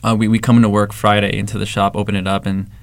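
There's no echo on this fast-talking young man's fairly low voice. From the San Fernando Valley in Los Angeles, he co-owns an ice cream shop and answers interview questions in a relaxed storytelling way, full of fillers and restarts.

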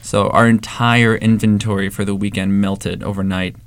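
A lowish, clear, resonant voice at a moderate pace, recorded with no echo, belongs to a young ice cream shop co-owner from the Valley in Los Angeles. His casual interview answers are laid-back stories with frequent fillers and restarts.

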